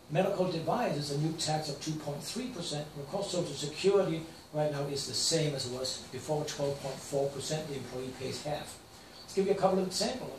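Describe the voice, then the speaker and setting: Danish-accented older man presenting in a roomy space. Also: fairly high pitch. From Denmark. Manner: plain, matter-of-fact explaining with some stumbles. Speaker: financial advisor. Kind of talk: slide presentation. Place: small room with projector screen. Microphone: far camera. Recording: roomy, distant camera sound with faint hiss.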